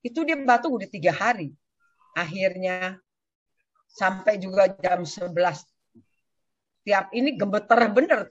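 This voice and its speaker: An older woman tells her church community her personal story in an animated way, voicing what others said as she goes. Her voice is mid-range and the recording has no echo, sounding dull, dry and lo-fi.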